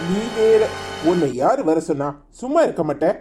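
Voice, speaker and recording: A woman doing a husky, exasperated older village woman. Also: lowish voice, sing-song, moderate pace, warm tone, faint music behind. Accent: Tirunelveli Tamil. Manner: exasperated, pleading.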